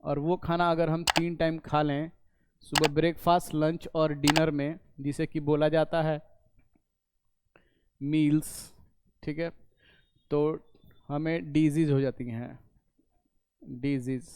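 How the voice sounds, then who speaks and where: A man's voice: fairly high pitch, little pitch movement, takes it slowly, long pauses. A man teaching an English class, explaining step by step, repeating points and answering his own questions. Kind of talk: classroom lesson explaining in Hindi.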